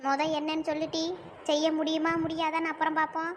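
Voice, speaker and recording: A woman's voice: high voice, monotone, fast talker, a little hiss or hum, close to an everyday voice. A woman voicing a stern, scolding village mother in a cartoon who nags and threatens her daughter. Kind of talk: cartoon dub acting.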